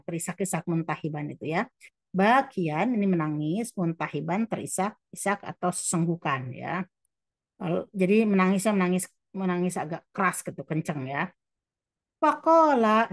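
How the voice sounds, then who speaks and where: A woman teaching Arabic who reads each phrase slowly, then translates it and explains it again. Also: fairly low pitch, no room sound.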